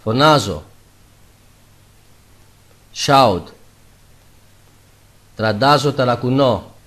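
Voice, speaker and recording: A man teaching English vocabulary, saying each English word louder and slower before its translation. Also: medium pitch, animated. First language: Greek. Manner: says English words louder and slower, then Greek translations. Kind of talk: vocabulary lesson.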